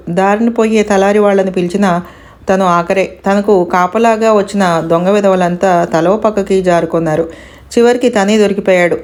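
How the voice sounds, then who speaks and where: A woman narrating a devotional story in a steady, expressive reading voice. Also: medium pitch.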